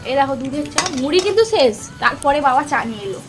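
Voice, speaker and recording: A woman's voice: high-pitched, expressive, fast. A woman chatting casually to viewers in a family vlog, recorded on a phone held at arm's length. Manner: chatty, addresses viewers directly. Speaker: vlogger. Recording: loud street and traffic noise.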